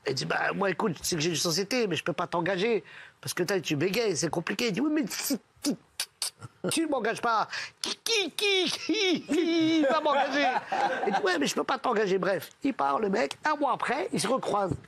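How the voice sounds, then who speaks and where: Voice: medium pitch, expressive, a little fast, gravelly, fairly bright tone, a little hiss or hum. A person telling jokes casually among friends, switching voices for each character. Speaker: joke teller.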